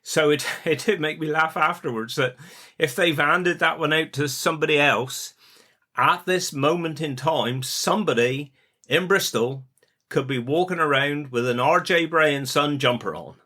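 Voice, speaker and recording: A man's voice: a little high, normal speed, sharp tone. A Cornish man hosting his podcast, telling a rambling casual story in dialect while feeling under the weather. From Cornwall. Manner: chatty, rambling, with dialect words. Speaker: podcast host, funeral director.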